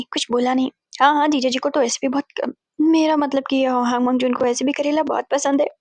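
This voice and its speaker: A woman's voice: high-pitched, vocal fry, a little mellow, no room sound. A woman casually retelling a fanfiction story, chatty and mixing in English words as she voices the characters' lines. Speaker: fanfiction narrator.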